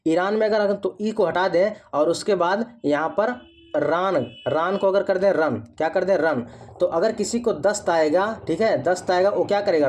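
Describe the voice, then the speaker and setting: A man's voice: on the high side, a little mellow. A young man with a North Indian accent, teaching exam memory tricks. He keeps asking questions and answering them himself, repeating each point.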